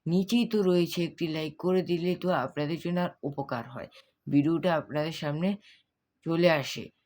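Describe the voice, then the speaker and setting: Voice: mid-range voice, normal speed, darkish tone. A language teacher giving a spoken lesson, repeating words and spelling them out letter by letter while quizzing the viewers. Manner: repetitive, drilling pronunciation. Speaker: English teacher.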